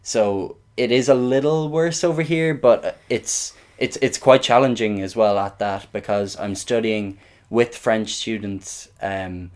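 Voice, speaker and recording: A man's voice: lowish voice, steady tone, measured pace, a little mellow. A young man from Galway with a west of Ireland accent, chatting casually and a little hesitantly as a podcast guest. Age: young adult. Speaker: interview guest, exchange student.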